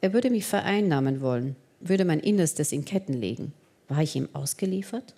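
A woman narrating a romance novel in the first person, in a measured, expressive reading. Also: low-pitched. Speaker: audiobook narrator.

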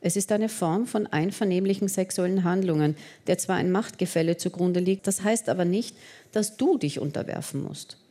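A woman's voice: on the low side, moderate pace, dark tone, natural voice. A woman reading the lines of an earnest young man who pleads and persuades in an audiobook romance. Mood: pleading.

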